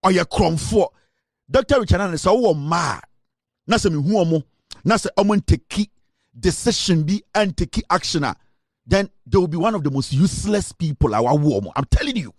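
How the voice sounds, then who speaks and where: A man's voice: sits high, animated, normal speed, dry recording, studio quality. A man with a Ghanaian accent giving impassioned political commentary, switching between English and Twi and building to indignant rhetorical questions. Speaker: online news commentator.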